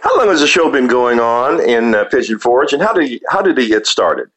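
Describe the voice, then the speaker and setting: A man's voice: mid-range voice, sing-song, brisk, fairly bright tone, lo-fi sound. A man speaking as the host of a radio-style interview show, introducing and questioning a guest.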